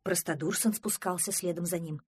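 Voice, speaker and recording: A woman narrating a children's storybook in a lively, expressive reading. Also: lowish voice, moderate pace, breathy edge, no echo, clean studio sound. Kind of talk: storybook reading with character voices.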